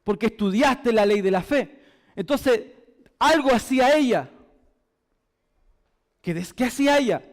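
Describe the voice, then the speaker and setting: A man's voice: very high voice, animated, a little slow, long pauses. A man with a Chilean Spanish accent preaching a sermon as pastor, asking the congregation questions and repeating words for emphasis. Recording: echoey church hall.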